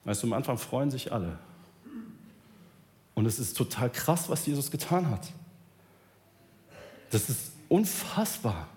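Animated preacher man, lively storytelling. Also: mid-range voice, a little slow, long pauses. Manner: animated storytelling, acting out quoted voices. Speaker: pastor. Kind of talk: sermon.

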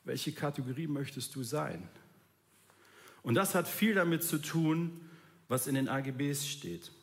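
A man preaching a sermon in a lively, casual way, acting out what different people say in quoted voices. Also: medium pitch, measured pace. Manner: lively, acts out quoted voices, colloquial youth slang.

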